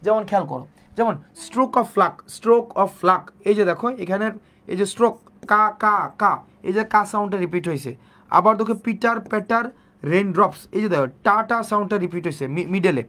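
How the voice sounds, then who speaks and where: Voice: medium pitch, brisk, a bit bright. Repetitive teacher drilling sounds. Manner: repetitive, drills sounds over and over, asks and answers own questions. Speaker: English teacher. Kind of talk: live online class lecture.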